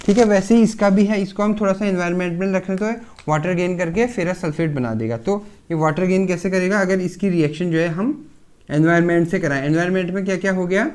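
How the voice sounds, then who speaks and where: In a casual pharmacy chemistry lecture, a man with a slightly high voice talks a little fast. He breaks things down step by step, answers the questions he puts to students, and keeps checking in with "theek hai."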